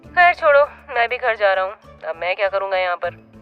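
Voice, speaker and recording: A woman narrator voicing a dramatic, excitable young man in an audio story. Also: mid-range voice, fairly quick, clean tone, highs cut off, faint music behind, lightly acted. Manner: animated, excitable.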